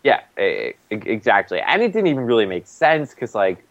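A man chats casually about a TV episode, his pitch swinging up and down as he rambles with plenty of fillers. The recording is dry and a bit dull, with little room sound. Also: sing-song, moderate pace, no room sound. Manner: loose and rambling, many "like" fillers. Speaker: podcast co-host. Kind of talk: casual TV recap chat.

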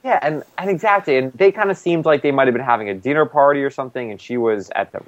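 A man's voice: medium pitch, fast talker, no room sound, lo-fi sound. A man co-hosting a casual TV recap chat, talking loosely with lots of "like" fillers. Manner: loose and rambling, many "like" fillers. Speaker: podcast co-host.

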